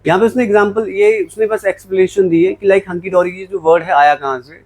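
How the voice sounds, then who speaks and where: Teaching English vocabulary in a classroom, a man from Jammu, India, switches between Hindi and English and keeps posing questions that he answers himself. His fairly high, slightly mellow voice is fast with fairly even intonation, and the audio is poor.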